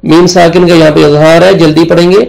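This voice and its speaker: A man with a Pakistani Urdu accent gives a patient recitation lesson. His voice sits fairly high and has a gravelly edge. He stretches each verse out in slow chant, then explains the rules in quicker everyday talk. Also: little pitch movement, a little mellow, rough recording. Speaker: Quran tajweed teacher.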